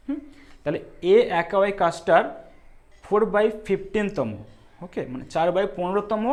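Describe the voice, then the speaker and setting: A male math teacher working through exam problems step by step, often asking the students if it is clear and telling them not to worry. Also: a little high. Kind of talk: exam-prep math lesson.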